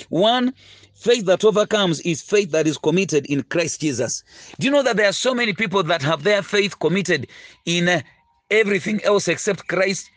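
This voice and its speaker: A man preaching a sermon, earnest and halting, full of fillers and repeated words. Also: high voice, fairly bright tone, no room sound. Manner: earnest, slows to stress key phrases. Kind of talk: recorded sermon teaching.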